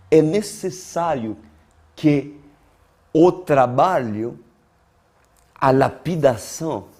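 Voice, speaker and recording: During a sermon, a male preacher speaks in a mid-range voice, slow and mellow. He acquired Portuguese as an adult and has a different first language. Each point comes deliberately and emphatically, punctuated by dramatic pauses and repetition of phrases.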